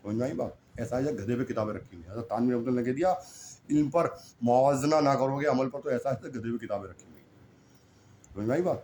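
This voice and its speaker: A man's voice: mid-range voice, mellow, a little hiss or hum. A man preaching a sermon, admonishing his listeners with rhetorical questions and repeating lines for emphasis.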